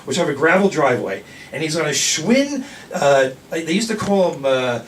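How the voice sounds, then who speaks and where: Animated older male storyteller, distant mic. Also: a little high, normal speed, slight background noise. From New York area. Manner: animated, rambling, with restarts and laughter. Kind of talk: live personal storytelling.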